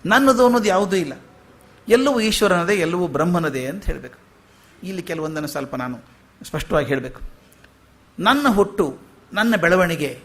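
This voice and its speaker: A man with a fairly high voice delivers a spiritual discourse. He talks to his listeners in a lively, storytelling way, asking rhetorical questions and slipping in humorous asides. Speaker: spiritual lecturer. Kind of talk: philosophical discourse to an audience.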